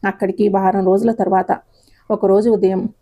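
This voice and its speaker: Woman, storyteller, scripted narration, mellow warm tone, steady. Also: mid-range voice, normal speed.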